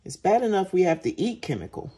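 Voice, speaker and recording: A woman casually narrating a hands-on demonstration in a relaxed, unhurried way as she works. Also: lowish voice, breathy edge. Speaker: soap maker and host. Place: indoors at home, at a work table.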